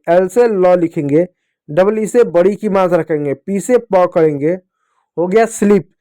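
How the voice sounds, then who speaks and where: A man teaching children to read English words, spelling them out slowly sound by sound and calling his pupils dear kids. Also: high-pitched, a little mellow. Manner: slow, syllable-by-syllable spelling out of words. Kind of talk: phonics lesson for kids.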